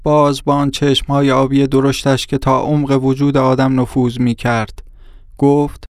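A man narrating an audiobook in a measured, descriptive storytelling manner. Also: mid-range voice, little pitch movement, no room sound, clean studio sound.

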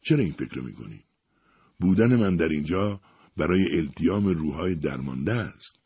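A man voicing a young priest in an audiobook, speaking in a calm, measured way. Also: a bass voice, slightly rough, no room sound, exaggerated voice. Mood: firm. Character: young male priest, gentle but stern. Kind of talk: audiobook character voice.

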